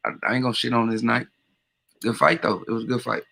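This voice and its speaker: Male boxing co-commentator, creaky and forceful, terse casual slang, blunt verdicts. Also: medium pitch, steady tone, fast. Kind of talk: casual post-fight commentary.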